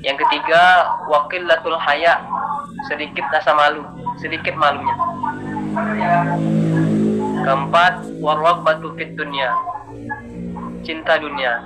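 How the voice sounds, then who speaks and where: A man's voice: fairly high pitch, steady tone, unhurried, long pauses, over music. A man preaching a casual sermon, earnest and colloquial, dropping in Arabic terms as he talks. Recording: noisy recording.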